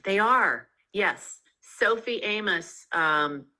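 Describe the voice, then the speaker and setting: A woman's voice: mid-range voice, lively intonation, very slow, bright, forceful tone, rough recording. A woman author being interviewed over a video call, talking in a chatty way with many ums and restarts. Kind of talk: casual interview chat. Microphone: video call mic.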